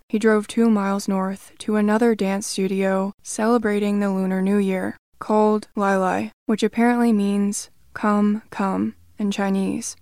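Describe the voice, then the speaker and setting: Female narrator for true crime, even read, little pitch movement, dead-dry room. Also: dry recording. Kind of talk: scripted narration.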